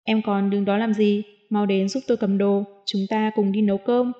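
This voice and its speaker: A woman's voice: medium pitch, flat delivery, moderate pace, dull audio, natural voice. A woman reading as a teasing playful young man. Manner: teasing, coaxing.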